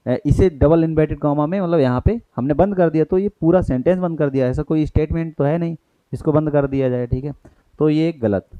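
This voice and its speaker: A man's voice: a little high, dry recording, phone-quality sound. A man with an Indian accent teaching an exam-prep grammar lesson, explaining in Hindi with English terms and asking and answering his own questions.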